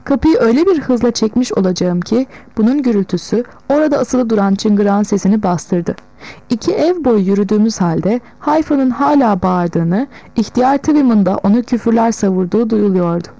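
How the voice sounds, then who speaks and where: A woman narrating a novel in the first person, in a measured storytelling manner. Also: fairly high pitch, lively intonation, warm tone, dry recording, poor audio. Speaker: audiobook narrator.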